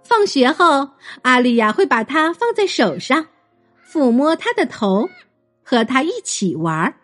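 A woman narrating a children's story in a gentle, expressive way. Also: high-pitched, measured pace, faint music behind.

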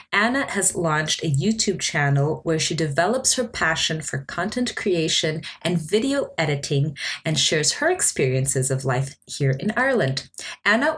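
A woman hosting a podcast with a husky, fairly low voice. She introduces her guest and asks questions with enthusiasm, reacting with easy laughter. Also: big pitch swings, normal speed, a bit bright. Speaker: podcast host.

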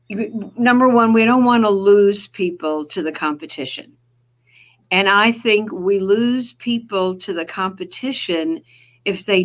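A woman with a New Jersey accent, a guest author in an interview, speaking thoughtfully and measured, with pauses and fillers. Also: mid-range voice. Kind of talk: podcast interview.

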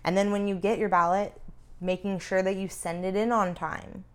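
A woman's voice: mid-range voice, steady tone, normal speed. A woman co-hosting a casual advocacy talk, informal and emphatic, repeating herself to drive points home. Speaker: co-host.

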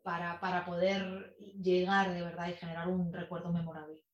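Chatty, expressive woman in an echoey room. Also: fairly low pitch, moderate pace, lo-fi sound. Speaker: guest, public speaking expert. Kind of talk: casual conversational interview. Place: in person in a room with the host.

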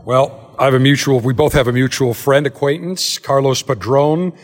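A male show host at a middling pitch leads the interview in a chatty, storytelling way. He keeps his guest talking. A long room reverb from the vast tasting hall hangs on his voice. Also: steady tone, moderate pace. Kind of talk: hosted interview. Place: large brewery tasting room.

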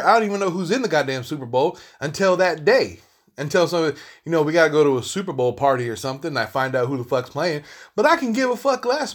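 A man's voice: a little high, fairly bright tone. A young man hosting his own podcast, ranting casually with constant swearing and filler words while he eats. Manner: profane, rambling, heavy fillers, eating on mic. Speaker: podcast host. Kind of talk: casual solo podcast rant.

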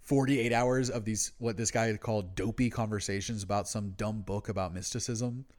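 A man co-hosting a podcast, casually discussing music in a laid-back, slangy, sweary stoner manner, as someone who is habitually high. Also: steady tone, normal speed, darkish tone. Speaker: podcast co-host.

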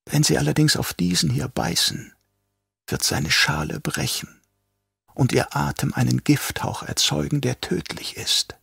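A man voicing a sly, half-mad old doctor who turns traitor, speaking in a hushed, whispery, drawn-out voice. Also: a little high, steady tone, vocal fry, slightly rough, no room sound, clean studio sound, pitched above the performer's own voice, exaggerated voice. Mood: sly menace.

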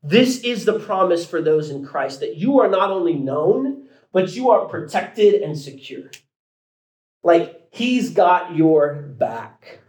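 Man in his 30s preaching; high, lively pitch, emphatic with folksy asides, echoey room. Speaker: pastor. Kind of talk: sermon. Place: church sanctuary.

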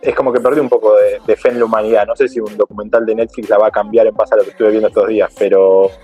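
A man's voice: fairly low pitch, very fast, husky. A man with an Argentine accent hosting a casual panel and asking the guests for recommendations. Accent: Argentine Spanish. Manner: relaxed, steering the talk. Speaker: host. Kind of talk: casual group chat. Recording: dull lo-fi call audio with faint music.

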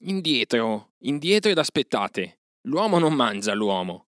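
A man's voice: lowish voice, normal speed, fairly bright tone, no echo, studio quality. A man voicing a proud young man-cub raised by wolves, giving urgent commands in an audiobook reading. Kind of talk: audiobook character voice.

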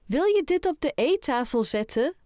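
A woman's voice: high voice, sing-song, normal speed, dark tone, dry recording, clean studio sound, voice pushed up. A woman voicing a doting, playful grandmother in a children's audiobook, with an affectionate sing-song delivery. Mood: fond. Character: warm, playful grandmother who loves singing.

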